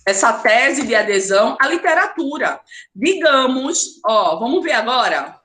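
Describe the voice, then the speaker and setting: A woman with a Brazilian Portuguese accent teaches a literature class live online, her fairly bright, higher voice swinging widely in pitch at a slightly slow pace. She's emphatic, urging her students on and addressing them directly by name.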